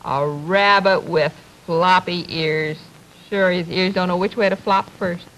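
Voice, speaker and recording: A woman's voice: lowish voice, fairly even intonation, fairly bright tone. Woman hosting 1950s children's television, noisy recording. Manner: slow, simple phrasing with frequent questions to the young listener. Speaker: children's TV show host. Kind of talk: instructional chat to young children, 1950s television presenting.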